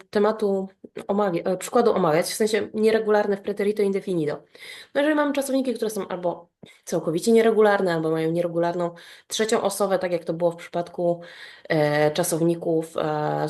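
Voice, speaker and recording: A woman teaching an online grammar lesson, explaining step by step and often checking that the listener follows. She spells out verb endings slowly and rhythmically. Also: mid-range voice, darkish tone. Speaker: Spanish teacher.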